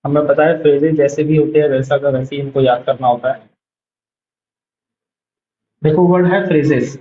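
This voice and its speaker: A man's voice: on the high side, darkish tone, roomy sound, highs cut off. A man teaching a shorthand lesson online, patiently explaining and repeating each word as he writes it.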